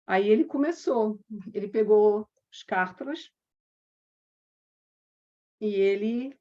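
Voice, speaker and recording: A woman from Brazil, a yoga teacher, telling a personal story with quoted dialogue and slow chanted mantras. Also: mid-range voice, warm tone. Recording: dull lo-fi sound.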